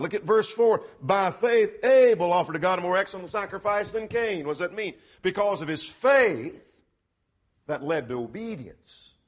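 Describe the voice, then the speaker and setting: A man preaching a sermon in an earnest, emphatic way, asking rhetorical questions as he goes. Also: high voice.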